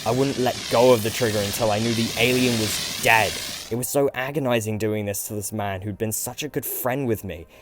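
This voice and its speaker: A man telling a first-person horror story in a dramatic way, swinging from hushed mumbling to loud shouts. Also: lowish voice, fairly even intonation, fairly quick, few pauses. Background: faint music.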